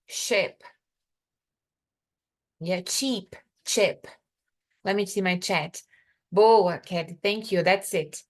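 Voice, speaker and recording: Brazilian woman, young adult, English teacher on a live class, medium pitch, slows down to drill example phrases. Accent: Brazilian Portuguese. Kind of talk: live online English lesson.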